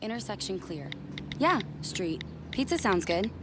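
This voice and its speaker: A distracted young woman driver, chatting her way through traffic while texting. Her pitch jumps around lively. Street and traffic noise sits clearly behind her in the ad. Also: measured pace. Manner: chatty, reading road cues aloud. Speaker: driver in a public service ad.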